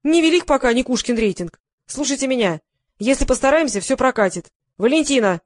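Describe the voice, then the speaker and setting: A woman voicing a brash young female TV producer who barks loud, rapid orders. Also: sits high, lively intonation, no echo, studio quality, voice pushed up. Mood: bossy.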